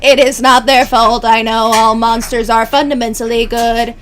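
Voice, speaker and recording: A woman's voice: on the high side, little pitch movement, a bit bright, a little hiss or hum. A woman voicing a prim, formal male robot student in a game playthrough, rubbing her throat so her voice warbles like a cyborg. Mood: earnest. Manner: stiff, formal, measured diction.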